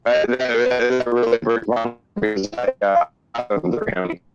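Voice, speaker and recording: A man calling in to an online talk show, talking in a halting way with stammered restarts while his internet audio breaks up into robotic glitches. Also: medium pitch, over loud music. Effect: internet call audio breaking up into robotic glitches. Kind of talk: casual chat. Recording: lo-fi online call.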